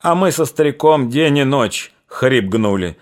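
A man voicing an elderly Cossack mother with a plaintive, drawn-out way of speaking. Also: medium pitch, expressive, natural voice. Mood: stubborn. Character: elderly Cossack mother, tender then stubborn.

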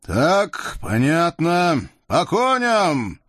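A man voicing a stern, bold Cossack chieftain in a storybook reading, giving firm rallying commands with a husky voice. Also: a little high, wildly swooping pitch, drawn-out words, fairly bright tone, no echo, clean studio sound, pitched above the performer's own voice, full character voice. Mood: commanding.

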